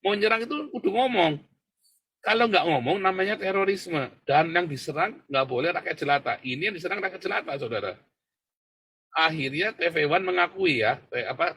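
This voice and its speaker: A husky-voiced male pastor delivers a provocative, mocking sermon, constantly addressing his listeners as brothers. He leaps between loud shouting and low murmurs.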